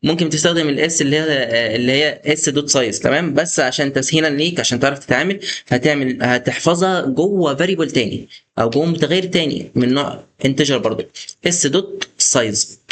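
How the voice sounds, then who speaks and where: A man's voice: on the high side, fast, a bit bright. A man with an Egyptian Arabic accent giving a casual coding lesson, chatty and coaxing as he talks the viewer through each step. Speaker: programming tutor.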